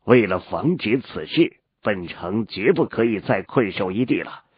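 A man voicing a silver-haired old male sect elder who speaks in a measured, modest way. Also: lowish voice, expressive, slightly rough, no echo. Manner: measured, humble then stern. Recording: lo-fi with faint music.

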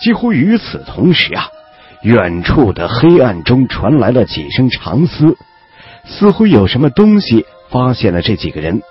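A man giving an expressive scripted audiobook narration of a fantasy novel. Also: normal speed, breathy edge, muffled recording, soft background music. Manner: expressive storytelling with lively pitch.

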